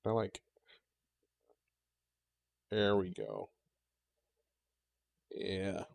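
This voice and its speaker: A man's voice: deep voice, very animated, very slow, creaky, no echo. A man streaming a game, chatting casually and profanely with his viewers into a mic just below his mouth. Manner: rambling and profane, talks to his chat. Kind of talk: casual live-stream chat. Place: home streaming setup.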